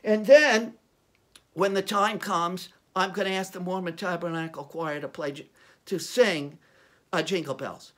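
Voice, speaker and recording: Bright-voiced older man, kids' party magician. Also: sits high, steady tone, unhurried. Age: older, around 70s. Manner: theatrical, hammy showman addressing the audience. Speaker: children's entertainer playing a Christmas elf magician. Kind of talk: kids' party magician patter, comic holiday performance. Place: small home room with low beamed ceiling.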